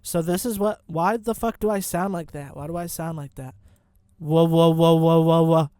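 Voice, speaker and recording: A man's voice: fairly high pitch, steady tone, moderate pace, warm tone, clean tone, no room sound. A man hosting a casual music tutorial, his voice run through a bit-crusher that fuzzes and distorts it, talking in a joking, swearing, rambling way. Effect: bit-crushed fuzz distortion on the voice. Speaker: music production tutorial host. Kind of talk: casual screen-recorded tutorial.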